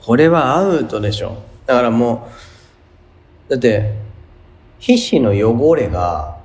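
A man's voice: medium pitch, expressive, a little slow, a little mellow. A man with a Kansai accent hosting a casual radio show, reading listener letters aloud and answering them with amused, playful retorts.

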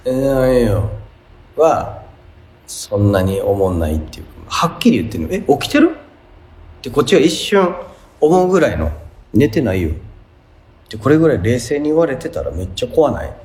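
A man's voice: medium pitch, sing-song, normal speed, darkish tone. A man with a Kansai accent hosting a casual radio show, reading listener letters aloud and answering them with amused, playful retorts.

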